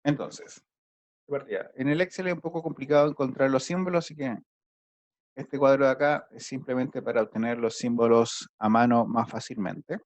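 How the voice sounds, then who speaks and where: A man's voice: medium pitch, fairly even intonation, normal speed, no echo. A man teaching an online math class, patiently explaining each step to his students over a video call.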